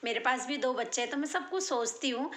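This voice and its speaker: A woman's voice: sits high, fast talker, a bit bright, echoey room. A woman in her thirties chatting to her viewers in a casual daily vlog, heartfelt and direct. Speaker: vlogger.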